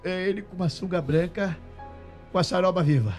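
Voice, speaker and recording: A man's voice: high voice, brisk, darkish tone, soft background music. A man in a casual studio chat, teasing and playful.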